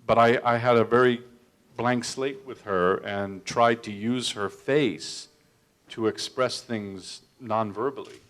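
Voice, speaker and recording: A man's voice: mid-range voice, takes it slowly, a bit bright. A male director chatting through stories in front of an audience, voice in an ordinary middle range. He often trips over his words and restarts them. His humor turns against himself. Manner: anecdotal, self-deprecating, restarts with stammered repeats. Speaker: film director. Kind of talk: storytelling talk at a public Q&A.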